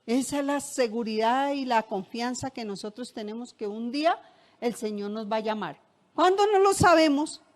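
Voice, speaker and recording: Woman, middle-aged, pastor, conversational sermon, rhetorical questions, slightly high voice. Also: expressive, normal speed. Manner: asks the congregation rhetorical questions; conversational, shares personal anecdotes.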